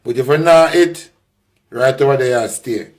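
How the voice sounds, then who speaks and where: A man's voice: mid-range voice, a little slow, darkish tone. A man with a Jamaican accent ranting informally in patois, blunt and scolding, with curses.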